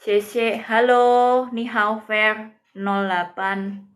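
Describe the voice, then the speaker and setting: A woman's voice: medium pitch, fairly even intonation, takes it slowly. A woman teaching a live-streamed Mandarin lesson, patient and greeting viewers by name.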